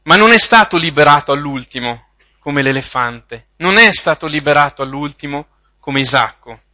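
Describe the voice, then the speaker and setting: Male preacher, slow and emphatic, high bright voice, keeps repeating lines. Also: expressive. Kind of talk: sermon with Bible readings.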